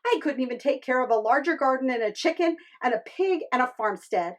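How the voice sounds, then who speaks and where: A woman's voice: high-pitched, expressive, fairly quick. A woman voicing a bossy, discontented fisherman's wife in a storybook tale, with a dramatic, exclaiming delivery. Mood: relieved, earnest. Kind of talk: storybook character acting.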